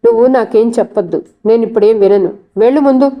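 A woman's voice: a little high, normal speed, highs cut off, lightly acted. Woman doing a frantic scolding old mother. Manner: scolding, tearful. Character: anxious older mother scolding her grown son.

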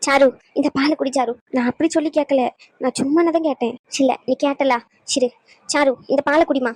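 Brief: woman voicing a remorseful grandmother in a cartoon; high, fast, dry, tearful and insistent. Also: fairly even intonation, darkish tone, lightly acted. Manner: pleading, then scolding. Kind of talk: cartoon voice acting.

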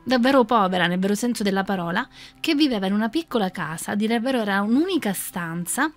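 Conduttrice radiofonica che racconta una storia. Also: female voice, mid-range voice, animated, quick pace, faint music behind. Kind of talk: storytelling narration.

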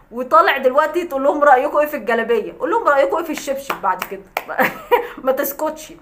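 Mocking a critic straight to camera, this vlogger scolds with heavy sarcasm and derisive laughter. She speaks Egyptian-accented Arabic in a bright, strained, high-pitched voice.

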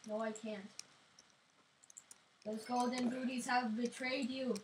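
A woman's voice: fairly high pitch, flat delivery, slow. A woman bantering casually over a game in an insistent, mock-indignant way. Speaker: gaming video co-player. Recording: noisy, echoey room, clicks.

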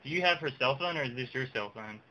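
A young man with a medium-pitched voice talks fast and animatedly, his tone pushed and bright, as he makes casual prank calls in a slangy, mock-earnest style. He's recorded on a webcam in a small room, so the audio is rough with slight background noise.

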